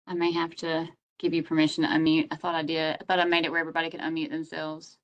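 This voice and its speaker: A woman's voice: low-pitched, completely flat delivery, quick pace, dull audio. A woman hosting online office hours, explaining grant application rules over a video call in a conversational, step-by-step way.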